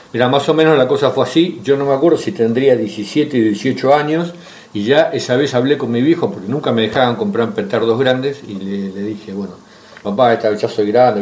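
A man's voice: mid-range voice, darkish tone. An Argentine man tells a casual story in a message to the show. He rambles and hesitates, speaking loosely and colloquially. His voice echoes around a roomy space. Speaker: listener sending a message. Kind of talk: casual anecdote.

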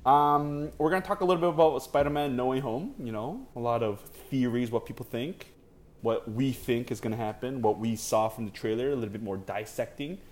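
A man co-hosting a casual podcast chat, talking in a relaxed, rambling way full of fillers. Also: mid-range voice, a little fast. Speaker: podcast co-host.

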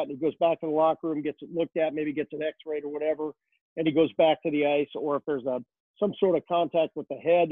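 A man's voice: a little high, no echo. A man who works as a rinkside hockey reporter answers interview questions in a chatty, storytelling way, full of "uh" fillers. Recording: tinny phone line.

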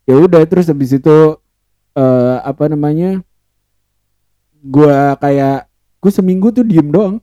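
A man's voice: a little high, measured pace, pauses often, mellow, dry recording, highs cut off. A young man chatting casually on a podcast, telling a story in slang and swearing often.

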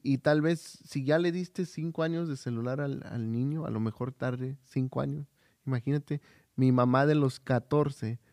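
A man's voice: mid-range voice, warm tone, no echo, studio quality. A man co-hosting a podcast in casual chat, hesitant with frequent fillers and restarts, telling personal stories. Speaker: podcast co-host.

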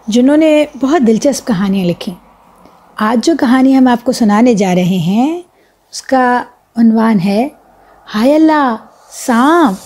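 A woman storyteller reading a children's story aloud in a lively, expressive way. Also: on the high side.

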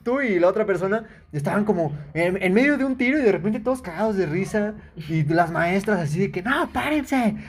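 A man's voice: high voice, expressive, fairly quick. A young man with a Mexican accent, chatting casually with slangy banter. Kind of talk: casual chat.

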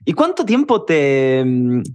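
Man asking lively questions. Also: mid-range voice, takes it slowly, no room sound. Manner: brief questions and short encouraging replies. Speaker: podcast host.

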